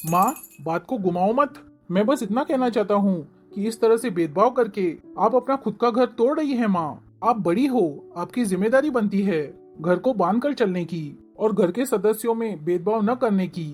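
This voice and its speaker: A woman's voice: medium pitch, normal speed, few pauses, darkish tone, soft background music, lightly acted. A woman voicing an earnest young son. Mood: pleading. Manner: pleading, reproachful. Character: earnest young man, elder son defending his wife. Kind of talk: cartoon family drama voice acting.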